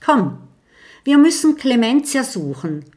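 A woman's voice: sits high, big pitch swings, slow pace, a little mellow, pitched above the performer's own voice, heavily acted. A woman voicing a friendly little male dragon in an audiobook, earnest and encouraging. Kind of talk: audiobook character voice.

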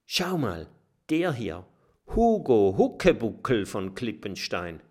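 A man's voice: lowish voice, huge pitch swings, slow, darkish tone, exaggerated voice. A man voicing a timid young female porcupine who whispers nervously in a storybook reading. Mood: amused. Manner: whispering, nervous, stuttering when scared.

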